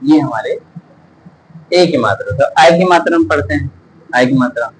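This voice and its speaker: A man teaching pronunciation, repeating words slowly syllable by syllable. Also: a little high, rough recording. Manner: drawn-out repetition of words, syllable by syllable. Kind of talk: slow Hindi phonics lesson.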